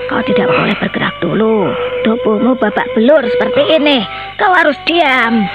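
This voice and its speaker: A woman's voice: sits high, very animated, moderate pace. An actress playing a feisty old village grandmother in a radio drama, coaxing and then sharply indignant. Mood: soothing. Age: older. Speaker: grandmother figure. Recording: dull lo-fi radio audio with faint music.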